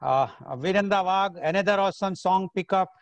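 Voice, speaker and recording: High-voiced North Indian man hosting. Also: brisk, no room sound. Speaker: host of an online singing show. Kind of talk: informal event hosting, reading out comments and an artist introduction.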